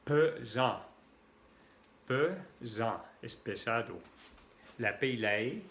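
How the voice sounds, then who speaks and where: A man's voice: mid-range voice, lively intonation, drawn-out words, fairly bright tone, reverberant. A man with a French accent teaching French sounds in Spanish, spelling letters out and repeating each sound patiently. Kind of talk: slow language lesson.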